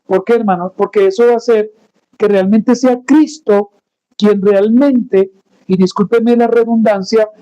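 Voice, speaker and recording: Pastor guy preaching, keeps saying brothers, warm mellow tone, kinda dull lo-fi sound. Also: high-pitched, steady tone, unhurried. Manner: rhetorical questions, repeats "hermanos" constantly. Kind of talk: sermon.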